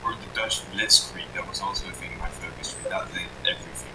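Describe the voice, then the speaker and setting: A man's voice: low voice, steady tone, fast talker, far from the mic, noisy background. A man chatting casually on voice chat during a gaming session, joking and laughing. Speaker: friend on voice chat.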